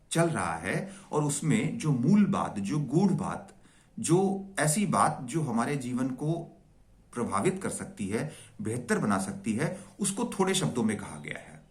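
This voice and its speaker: Slow, lively male teacher. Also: medium pitch. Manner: explains slowly, spells out words and repeats terms. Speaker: English teacher. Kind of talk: bilingual lecture.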